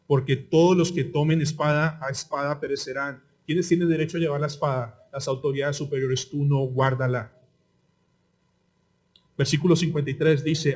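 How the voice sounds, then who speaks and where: Man, pastor, Colombian Spanish accent, fairly high voice, sermon, rhetorical questions, loud and soft by turns. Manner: impassioned preaching, rhetorical questions, swings from loud to quiet.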